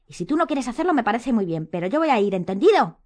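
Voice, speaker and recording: A woman reading an audiobook, voicing an angry, impatient teenage boy wizard who shouts and snaps. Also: a little high, quick pace, voice pushed up, close to an everyday voice. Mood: defiant. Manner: shouting, curt, insistent.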